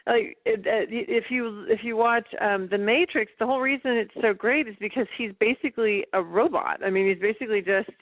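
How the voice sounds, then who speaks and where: A woman's voice: a little high, brisk, hardly any pauses, no room sound. A woman co-hosting a casual film review podcast, speaking in a blunt, sardonic way. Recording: phone-like remote call line.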